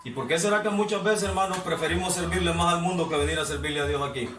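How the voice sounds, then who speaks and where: A man preaching a sermon to his congregation, exhorting and asking them questions, his voice rising to shouts. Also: on the high side, fast, a crowd in the background. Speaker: pastor. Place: church hall. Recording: echoey hall, mic far off.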